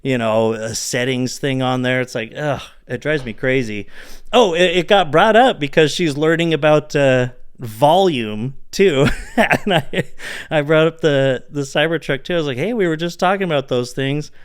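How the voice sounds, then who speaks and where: A man's voice: a little high, unhurried, clear, resonant tone. A man co-hosting a casual comedy podcast, ranting with frequent laughs and trailing asides. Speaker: podcast co-host.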